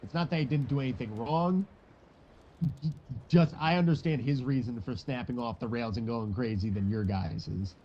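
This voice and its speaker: A man's voice: medium pitch, normal speed. A man who jokes crudely and laughs often while casually commenting on a game. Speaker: gaming co-commentator. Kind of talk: casual let's-play chat. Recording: dull lo-fi voice recording.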